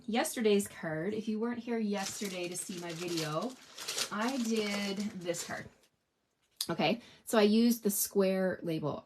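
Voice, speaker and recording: Talk to the camera as a woman hosting a crafting lesson, friendly and upbeat, in a slightly low voice. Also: slight background noise. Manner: chatty, upbeat, talks straight to viewers. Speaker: craft demonstrator. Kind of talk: live stamping tutorial.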